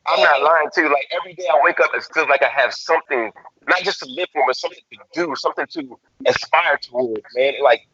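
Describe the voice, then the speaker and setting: A man guest in a casual promotional chat over a video call, talking with excited enthusiasm. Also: a little high, fast, breathy edge, highs cut off. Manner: excited, enthusiastic, laughs often.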